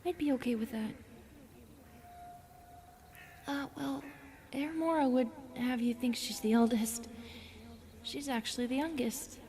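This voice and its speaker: A woman plays a shy female forest spirit in a fantasy roleplay, speaking to the listener in a soft, high, breathy voice that often drifts toward a whisper, with ambient noise behind her. Quiet and reflective, she is hesitant, self-effacing, and halting, apologizing for herself.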